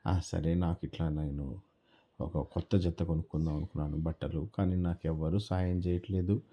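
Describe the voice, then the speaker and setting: A sad, stubborn orphan boy from a bedtime story, his voice pushed a little higher and louder than the storyteller's own, as a man puts him on. The tone stays dark and mellow underneath. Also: fairly even intonation, normal speed, slightly rough. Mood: sorrowful. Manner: raised, plaintive, slightly higher voice. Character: poor orphan village boy, upset and stubborn.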